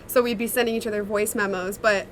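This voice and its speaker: This young woman, a singer and songwriter in a sister duo, answers interview questions in a chatty, reflective way, full of fillers. Her mid-range voice holds a steady tone while she talks fast. A little hiss or hum sits under the recording.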